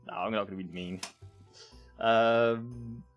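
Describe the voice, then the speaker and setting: A man's voice: medium pitch, fairly even intonation, slow pace, dull audio, soft background music. A man casually reviewing games on a live stream, rambling and hesitant with lots of ums.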